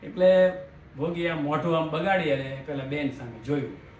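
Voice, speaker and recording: A man telling a comic story with lively, chuckling narration. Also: fairly high pitch, moderate pace, a little hiss or hum. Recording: roomy, distant mic, faint ambience.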